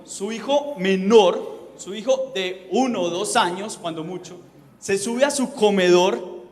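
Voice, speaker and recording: A man, preaching a sermon in a conversational, joking way and asking the congregation questions. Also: high-pitched. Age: 30s. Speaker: pastor. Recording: echoey hall.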